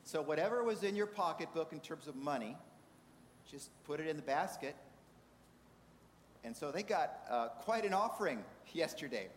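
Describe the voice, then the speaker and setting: A man preaching a sermon in a measured way, asking the congregation rhetorical questions. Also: fairly high pitch, animated, slight background noise. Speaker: pastor. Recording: reverberant hall with faint ambience.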